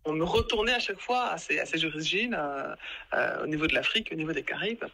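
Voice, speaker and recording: A woman's voice: low-pitched, fast, dry recording. A Parisian-born woman in her thirties, a guest coach telling her story in a casual podcast chat, full of fillers and restarts. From France, Paris. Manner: hesitant, many fillers and restarts, animated retelling.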